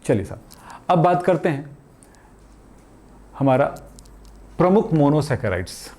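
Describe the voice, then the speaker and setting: A middle-aged man gives a chatty chemistry lecture, posing questions and answering them himself, using everyday examples, joking, and calling his students "beta" in a colloquial style. His voice is on the high side and darkish, with big pitch swings and a slightly slow pace.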